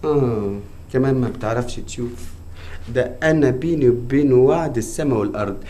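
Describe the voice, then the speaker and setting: A haughty, sarcastic woman who flirts yet snaps back, played by a man. The voice stays dark and low in Egyptian Arabic. The words come out quick. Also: natural voice. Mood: snippy. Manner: snippy, sarcastic. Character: haughty middle-aged woman Zizi, flirty yet prickly.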